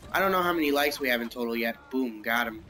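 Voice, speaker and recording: A man's voice: medium pitch, lively intonation, quick pace. A young man casually commenting while playing a racing game, rambling and reacting aloud, with the hiccups. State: has the hiccups. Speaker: gameplay commentator. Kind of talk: casual let's-play commentary.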